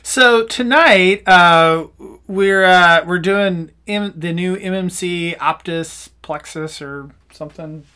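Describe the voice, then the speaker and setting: Upbeat podcast host with a bright, clear voice; casual and a little halting. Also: mid-range voice. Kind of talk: casual chat.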